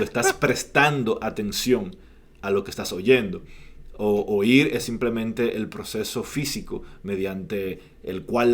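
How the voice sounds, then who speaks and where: A man's voice: lowish voice, a bit bright. A man co-hosting a casual podcast, explaining word meanings in a patient, lecturing way. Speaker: podcast co-host.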